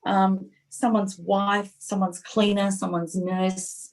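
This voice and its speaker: Animated middle-aged woman. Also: medium pitch, slow pace, rough recording. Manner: animated, acts out her own past dialogue. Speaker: interview guest. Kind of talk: candid personal storytelling.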